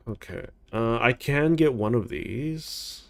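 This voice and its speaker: A man's voice: mid-range voice, expressive, slow, gravelly. A man hosting a video game playthrough, casually commenting and reading on-screen text aloud. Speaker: gaming playthrough host.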